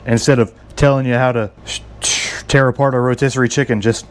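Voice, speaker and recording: A man's voice: medium pitch, steady tone, a little fast. A man talking casually through a home recipe, stammering and repeating words as he goes, rambling and self-deprecating. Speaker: home cook. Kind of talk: casual cooking vlog.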